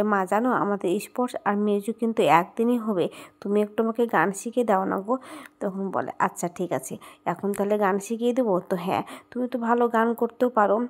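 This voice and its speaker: A woman telling the story of a TV serial episode, moving between narration and the characters' quoted lines. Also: mid-range voice. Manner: retells a plot with quoted dialogue. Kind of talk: storytelling recap.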